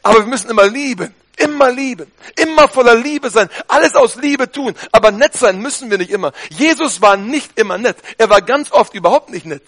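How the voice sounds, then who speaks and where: High-voiced preaching man. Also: fairly quick, hardly any pauses. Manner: animated preaching, calls for amen and halleluja. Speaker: pastor. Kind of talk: sermon.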